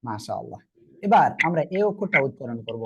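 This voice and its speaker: Over a noisy crowd, a man with a mid-range voice speaks briskly with big pitch swings and vocal fry. Speaking with a Bangladeshi Bengali accent, he teaches Arabic letters in a Quran reading lesson, patiently repeating and checking that learners follow.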